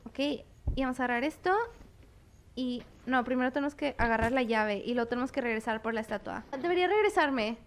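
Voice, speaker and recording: High-voiced woman streamer, easily startled. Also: quick pace, background noise. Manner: jumpy, exclaims at scares, talks to chat. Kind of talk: gaming commentary.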